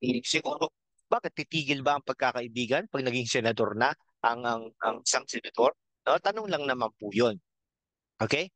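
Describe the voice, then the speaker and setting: A middle-aged man with a Filipino accent hosting a casual political commentary vlog, talking slowly and haltingly with many fillers and a constant tag "no?". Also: medium pitch, expressive, a bit bright, no room sound, rough recording. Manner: rambling, frequent tag question "no?"; slow, halting with fillers and throat clearing. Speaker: channel host.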